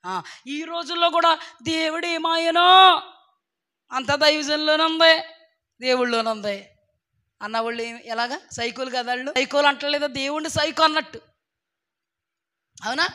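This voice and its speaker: A hoarse woman who is losing her voice, preaching a sermon with emphatic rhetorical questions and sudden swings between loud bursts and soft asides. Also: high-pitched.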